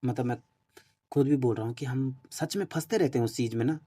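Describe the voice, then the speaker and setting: A man's voice: mid-range voice, a little fast, mellow, husky. A man giving an informal, earnest spoken explanation, casual and repetitive, with many fillers and restarts. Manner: earnest, admits he is still learning. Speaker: spiritual talk host.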